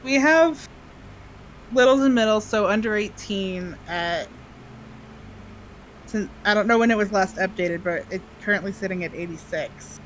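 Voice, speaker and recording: A woman co-hosting a podcast in casual chat, quick to laugh and make sarcastic asides. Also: mid-range voice, expressive, slight background noise, rough recording. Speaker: podcast co-host.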